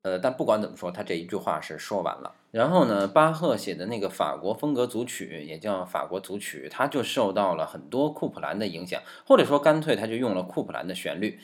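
A man hosts a music history lesson in a playful, jokey manner, even addressing his piano. His voice sits low, but his pitch swings widely. Faint piano music plays behind him. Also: a little fast, hardly any pauses. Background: piano playing.

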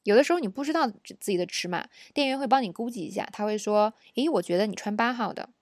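A woman's voice: medium pitch, expressive, fast, no echo. Chatty woman teacher going over phrases, lots of little fillers, dry close mic. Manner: patient, conversational, with many fillers and tag questions. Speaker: English teacher. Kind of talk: explaining English phrases for shopping.

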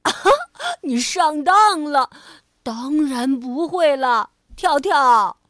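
A woman voicing an excitable, prank-loving little rabbit in a children's story, with dramatic wails and loud teasing. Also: sits high, normal speed, no echo, studio quality.

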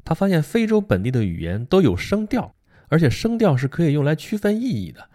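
In a casual spoken lecture about a book, a man with Mandarin Chinese as his first language addresses listeners conversationally, often posing rhetorical questions. His voice leans high with a dark tone, very animated and brisk.

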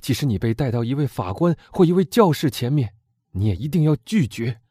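Fervent young lover guy, read by a man, urgent and pleading, husky low voice that swings all over. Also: very animated, normal speed, mellow, dry recording, studio quality. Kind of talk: audiobook character reading.

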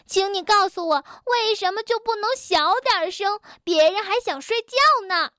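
Squeaky hot-headed bunny boy , woman putting it on, shrill and huffy, way up high. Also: takes it slowly, no room sound, clean studio sound. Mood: indignant. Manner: shrill, indignant outbursts. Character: excitable young male rabbit, quick to anger.

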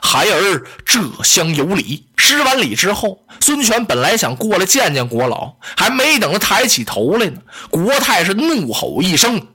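Animated male storyteller. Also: sits high, normal speed, few pauses, husky. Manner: vivid, animated, rhythmic delivery. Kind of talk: traditional storytelling narration.

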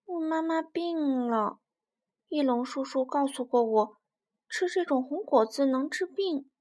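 Woman doing a squeaky crybaby baby dinosaur. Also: lively intonation, moderate pace, warm tone. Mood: tearful. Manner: squeaky, pleading, tearful. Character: crybaby little baby spinosaurus, timid and sweet. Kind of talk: children's storybook reading.

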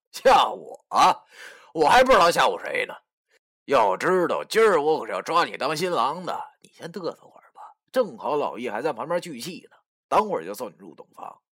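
A man's voice: medium pitch, a bit bright. A man narrating a first-person web novel in a wry, mocking, slangy manner. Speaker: storyteller.

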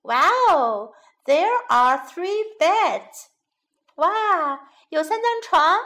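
A woman voicing a curious, polite little girl in a storybook, saying slow English lines and repeating them in Chinese. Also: very high-pitched, animated, a bit bright, voice pushed up, exaggerated voice. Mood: cheerful.

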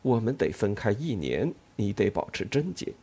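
A man voicing an anxious builder who pleads in a hushed voice in an audiobook. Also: lowish voice, sing-song, moderate pace, slightly rough, full character voice. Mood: hushed pleading.

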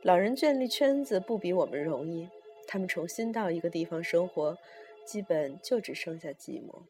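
A woman reading a story aloud in the first person, with a brisk and wry telling. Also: fairly low pitch, animated, dark tone, faint music behind.

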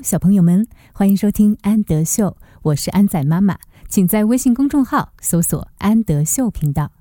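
A woman's voice: mid-range voice, warm tone, no room sound, studio quality. A woman, a native Mandarin speaker, reads a bilingual picture book to small children as if to a toddler, repeating phrases and translating each one. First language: Mandarin Chinese. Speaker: host of a children's picture-book channel, a mother. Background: background music.

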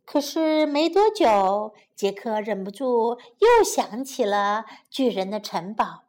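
A woman narrating a bilingual children's story and then teaching short English phrases, slow, clear and expressive. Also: a little high.

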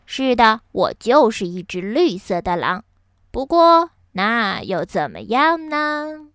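A woman's voice: fairly high pitch, very animated, takes it slowly, fairly bright tone, heavily acted. A woman voicing a stubborn little male wolf who insists and whines. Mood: bold proud. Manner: insistent, whining, then bold. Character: stubborn little green wolf boy, whiny and proud.

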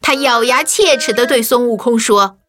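A woman narrating a children's story in a lively, expressive way. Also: on the high side, moderate pace. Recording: faint music behind.

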